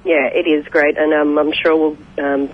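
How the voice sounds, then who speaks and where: A woman's voice: deep voice, little pitch movement, normal speed. Woman on a muffled phone line. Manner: polite, hesitant with many fillers. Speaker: sports club representative. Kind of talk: phone-in radio interview. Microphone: telephone.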